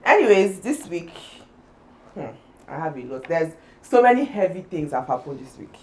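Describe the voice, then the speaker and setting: A woman's voice: fairly low pitch, sing-song, normal speed, rough recording. A young woman from Nigeria co-hosting a casual podcast chat, talking with heated emphasis. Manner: impassioned, emphatic. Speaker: podcast co-host.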